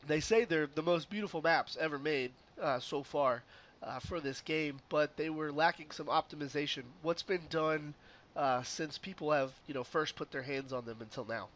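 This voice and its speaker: A fairly high-voiced man getting over a cold hosts a relaxed podcast. He jokes easily and keeps the talk loose, full of fillers. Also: normal speed. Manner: easygoing and joking, many fillers. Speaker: podcast host.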